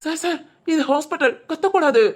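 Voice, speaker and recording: A woman's voice: fairly high pitch, quick pace, natural voice. A woman voicing a timid, nervous young man who stammers and pleads in a cartoon. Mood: fretful. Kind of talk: cartoon voice acting.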